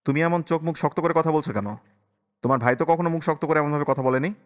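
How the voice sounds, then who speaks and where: A man voicing a harsh, bitter young mother who snaps back with sharp, fast retorts. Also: on the high side, clear, resonant tone, pitched above the performer's own voice, lightly acted. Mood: bitter angry. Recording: long reverberant echo.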